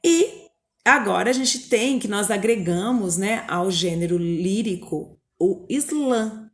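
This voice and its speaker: A woman's voice: medium pitch, expressive, slow pace. Brazilian woman teaching a literature lesson. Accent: Brazilian Portuguese. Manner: explanatory, frequent tag questions. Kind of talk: explaining lesson to students on video.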